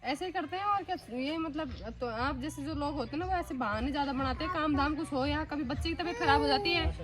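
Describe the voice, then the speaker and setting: A woman's voice: high voice, quick pace, lightly acted. A woman acting a harsh, suspicious rich employer in an amateur skit who scolds and accuses her maid. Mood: scolding. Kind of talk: amateur Hindi family skit.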